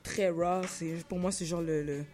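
A woman in her thirties with a Québécois French accent, a rapper chatting in an interview, laid-back, halting, full of slang and restarts. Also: fairly low pitch, fairly even intonation, darkish tone, faint music behind. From Laval, Quebec. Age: 30s. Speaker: rapper guest. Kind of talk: casual interview chat.

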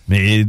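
A man's voice: on the low side, fairly bright tone, slightly rough, dry recording, studio quality. A middle-aged man with a Québécois accent hosting a casual chat, rambling and hesitant with lots of fillers. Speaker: podcast host.

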